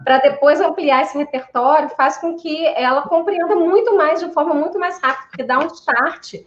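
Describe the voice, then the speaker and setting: Woman, high voice, thoughtful explainer, hesitant fillers, roomy muffled audio. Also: normal speed. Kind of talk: casual conversation. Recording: echoey muffled room sound.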